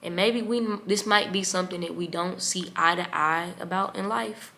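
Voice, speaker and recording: Bright-voiced young woman telling her story. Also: fairly low pitch, normal speed, creaky. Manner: emotional, animated storytelling. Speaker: vlogger. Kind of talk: storytime vlog.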